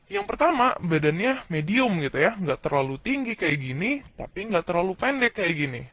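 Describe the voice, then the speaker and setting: A man's voice: sits high, very animated, normal speed, a bit bright, dry recording. A man from Indonesia teaching English vocabulary in a casual video lesson, chatty and slangy, asking questions and answering them himself.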